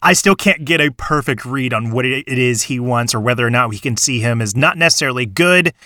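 A man's voice: medium pitch, animated, brisk, sharp tone, no echo, studio quality. A man hosting a casual podcast discussion, talking enthusiastically in rambling bursts with frequent restarts. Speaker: podcast host.

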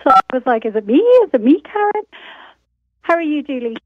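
An Irish woman calls in to a radio show, her voice squeezed thin through a phone line. She talks casually and chattily, dotting her sentences with "like", in a fairly high voice. The line is dry, with no room sound around her. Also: sing-song, a little fast, no room sound. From Ireland. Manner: chatty and casual, with frequent fillers like "like". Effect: caller heard over a phone line. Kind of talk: casual chat.

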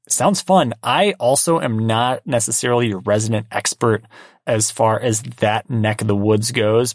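A man co-hosting a casual podcast, talking in a relaxed, wry way with plenty of restarts. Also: mid-range voice, no echo, studio quality. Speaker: podcast co-host. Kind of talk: casual chat.

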